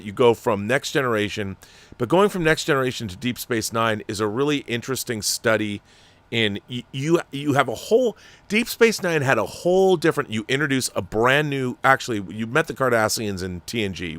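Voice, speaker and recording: With lively intonation and a moderate pace, a man hosting a viewer-letter show delivers emphatic, critical commentary, restarting sentences often. His medium-pitched voice has a fairly bright tone, recorded without echo.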